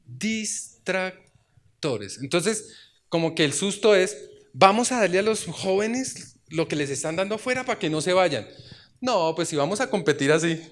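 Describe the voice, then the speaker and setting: A man preaching a sermon in church, chatting with the congregation, asking rhetorical questions and breaking into loud exclamations. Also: high-pitched.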